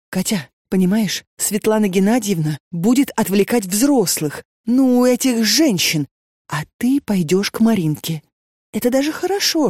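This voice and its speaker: A woman's voice: lowish voice, warm tone, dry recording, studio quality. A woman reading an audiobook and voicing a distraught young woman who pleads frantically and breathlessly.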